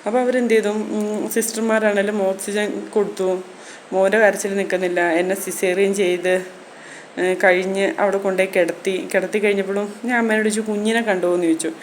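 A woman vlogger and mother tells her own story in a chatty, conversational way, often turning to viewers with "you know" and a frequent "keto" tag. Her mid-range voice is steady and a little fast, with slight background noise.

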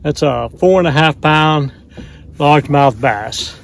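A man's voice: fairly high pitch, slow pace, creaky, low-quality recording. A man, a vintage outboard motor mechanic, narrating his repair work in a folksy, matter-of-fact way and calling the motor "her". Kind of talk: casual repair vlog narration. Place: workshop and outdoors by the water.

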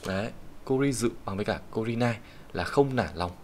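A man with a Vietnamese accent teaching Japanese kanji in an online lesson, patiently explaining each reading and saying the Japanese example sentences slowly. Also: on the low side, animated. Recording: faint background hiss and keyboard typing.

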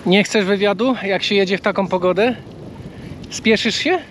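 A high-voiced man chats casually to the camera while cycling a trail outdoors. A faint hum of open air sits under his voice. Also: moderate pace, a bit bright. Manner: chatty, coaxing talk to a bird. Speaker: travel vlogger. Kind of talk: casual travel vlog.

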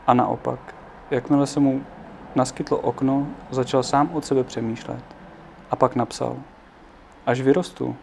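A man with a gravelly, fry-laden voice reads a children's story aloud at a calm, unhurried pace. His tone is mellow and dark. Every so often he slips in a casual aside of his own. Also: medium pitch, a little hiss or hum. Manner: unhurried reading with offhand spoken asides. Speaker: narrator. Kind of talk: reading a children's book aloud.

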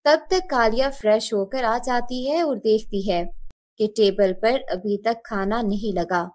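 A woman giving scripted narration for a cartoon story in a steady, expressive way. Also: on the high side, measured pace.

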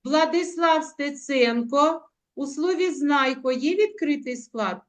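A woman teaching young children in an online class, coaxing them with diminutives and drawing out words slowly for them to repeat. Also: sits high. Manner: affectionate, coaxing, uses diminutives; slow, drawn-out word modelling. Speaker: primary school teacher. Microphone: video call.

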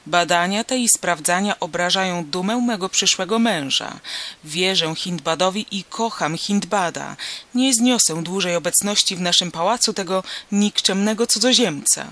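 A man's voice: high-pitched, expressive, a little slow, pushed and bright, exaggerated voice. A man reading a storybook, voicing a proud, haughty young princess who speaks in an imperious, commanding way. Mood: angry.

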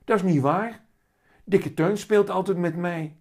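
A man doing a high, excited little boy. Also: measured pace. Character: young boy, shy and eager. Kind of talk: reading a children's book aloud.

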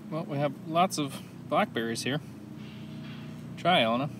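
Relaxed male vlogger, outdoors at a shipyard, camera mic with loud background noise. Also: a little high, moderate pace. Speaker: vlog host. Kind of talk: casual chat on camera. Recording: noisy outdoor camera audio.

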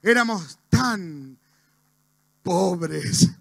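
A man's voice: high voice, lively intonation, drawn-out words, gravelly, dry recording. A man doing nostalgic stand-up comedy on a festival stage. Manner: nostalgic joking banter.

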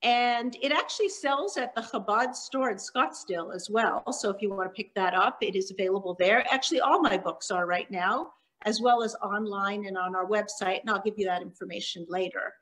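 A middle-aged woman from Montreal, a children's author, giving a talk from her living room over a laptop webcam, with frequent ums and pauses. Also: medium pitch, fairly bright tone, rough recording. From Canada (Montreal), born in Hungary. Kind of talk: presentation on a video call. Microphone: laptop webcam on a video call.

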